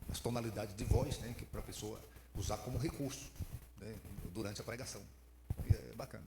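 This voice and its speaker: A man's voice: fairly low pitch, fairly even intonation, brisk, vocal fry, heavy background noise. A man leading a church preaching class, explaining points in an informal, teacherly way. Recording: echoey hall with faint ambience.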